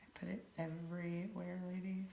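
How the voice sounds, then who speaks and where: A woman's voice: lowish voice, little pitch movement, moderate pace, vocal fry, mellow. A woman in her thirties demonstrating makeup at home, talking in a rambling, casual way to the ladies watching. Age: 30s. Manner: rambling, talks to viewers as ladies. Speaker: makeup artist co-host. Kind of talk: casual makeup demo chat. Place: sunny home room. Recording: echoey room.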